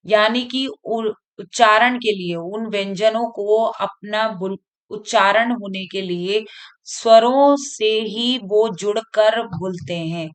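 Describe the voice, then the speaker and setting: Slow, patient woman teaching grammar. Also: medium pitch, clear, resonant tone. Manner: slow, patient, repeats key sounds aloud. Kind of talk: online grammar lesson for children.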